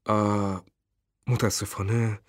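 A man voicing a hesitant, formal company messenger who pauses on drawn-out ums. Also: on the low side, level tone, no room sound, studio quality, close to an everyday voice.

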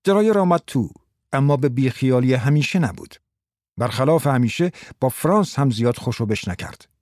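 A man reading a story aloud in a steady, measured narration. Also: medium pitch, dry recording, clean studio sound. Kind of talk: scripted audiobook narration.

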